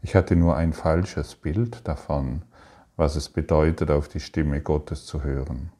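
A man giving a calm, reflective spiritual talk, speaking slowly with pauses and restarts. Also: rumbling low. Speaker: spiritual teacher.

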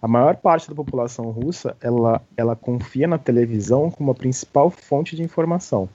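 Apresentador de voz grave e suave. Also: male voice, mid-range voice, brisk, dark tone, breathy edge, dry recording, lo-fi sound. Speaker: host. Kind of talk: radio discussion.

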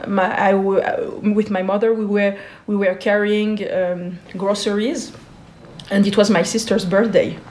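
A woman in her forties from Switzerland, a guest in an interview, speaking thoughtfully with many pauses and fillers. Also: mid-range voice, level tone, a little mellow, echoey room.

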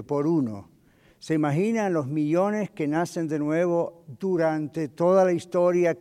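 Middle-aged pastor, animated sermon delivery, slightly high voice, echo of a large hall. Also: male voice. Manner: animated preaching with rhetorical questions. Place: church hall. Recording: long hall reverb.

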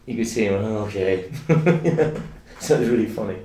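A man in his seventies with an English accent, a guest telling lively, salty anecdotes in a casual conversation and acting out other people's lines. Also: mid-range voice, moderate pace. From England. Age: 70s. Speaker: podcast guest, squash coach. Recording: roomy, distant mic, faint background noise.

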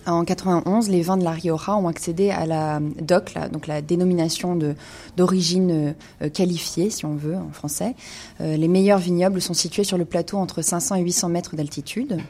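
A woman's voice: fairly low pitch, fairly even intonation, normal speed, mellow. A woman presenting a weekly radio column on wine, speaking in a studio with frequent hesitations and fillers.

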